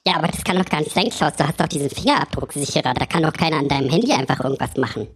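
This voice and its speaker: Woman doing a fast-talking scolding mom, lively huffy voice, a bit husky. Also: sits low. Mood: shocked. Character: flustered, scolding mother of a schoolboy.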